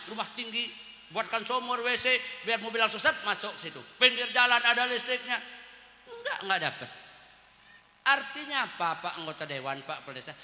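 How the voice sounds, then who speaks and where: A male preacher with a Lampung Indonesian accent delivers a humorous sermon in a very high, sharply bright voice. He jumps between loud, animated bursts and low confiding asides and acts out the people he quotes. The sound is heard through the long reverb of a large echoey hall. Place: community gathering hall.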